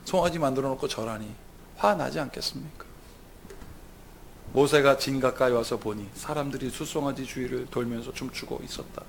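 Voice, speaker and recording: A man's voice: mid-range voice, a little fast, creaky, a little hiss or hum. A man preaching a sermon as a pastor, telling the story vividly and putting rhetorical questions to the congregation.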